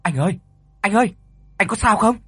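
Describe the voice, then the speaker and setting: A man voicing a scared younger village boy, fast and high-pitched when frightened. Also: very animated, slightly rough, dry recording, faint music behind. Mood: panicked.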